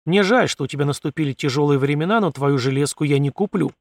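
Man doing a firm no-nonsense leader guy, blunt, a bit gravelly. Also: fairly high pitch, fast talker, no echo, clean studio sound, lightly acted. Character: calm, firm male valley leader.

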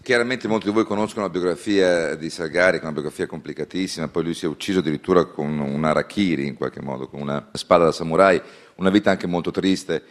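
A male radio interviewer with a deep, low voice talks in a loose, conversational way. He often pauses on small fillers as he builds his questions.

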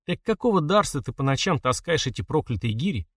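A man's voice: mid-range voice, lively intonation, fairly quick, no echo, studio quality, recorded from a distance. A man reading an audiobook, voicing a sarcastic young male hero who mocks and needles his friend. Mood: needling. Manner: mocking, needling.

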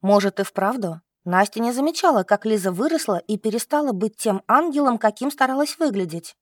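A woman reads an audiobook with lively, expressive intonation. Her pitch is mid-range and moves a lot. The recording is dry and close. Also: brisk, no echo. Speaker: audiobook narrator. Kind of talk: scripted narration.

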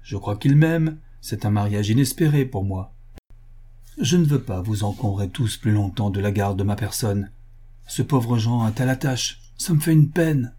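A man's voice: lowish voice, normal speed, warm tone, breathy edge. A man reading the part of a young, proud noble heiress who speaks in a cold, decisive, commanding manner. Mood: wistful.

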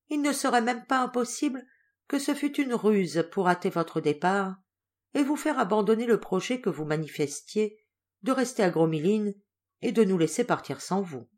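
A woman reading as a loyal male steward who reassures his master in a steady, respectful voice. The intonation still moves freely. This is a storybook audiobook. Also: fairly low pitch, close to an everyday voice.

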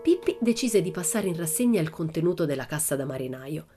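A woman reads a children's story aloud in a lively, expressive way. Her voice is on the low side for a woman. Faint music plays softly beneath her. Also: brisk. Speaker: audiobook reader.

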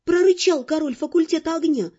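A woman narrating an audiobook in the first person, lively and expressive, over faint music on a dull lo-fi recording. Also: very high voice, a little fast.

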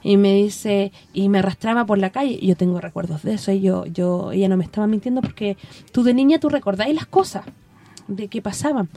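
A middle-aged Chilean woman telling stories on community radio in a casual, animated way, acting out the voices of the people she quotes. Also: medium pitch, fairly quick, no room sound. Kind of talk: casual conversational storytelling.

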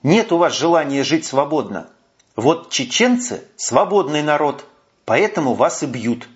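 A man's voice: fairly high pitch, expressive, measured pace. Man putting on a scornful young brunette. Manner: mocking, cutting. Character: sharp-tongued young brunette woman, scornful. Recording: muffled lo-fi audio.

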